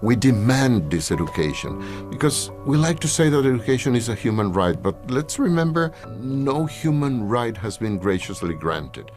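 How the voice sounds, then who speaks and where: A man's voice: mid-range voice, big pitch swings, normal speed, darkish tone. A man speaking earnestly in a promotional video, with small restarts as he thinks. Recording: voice over clear music.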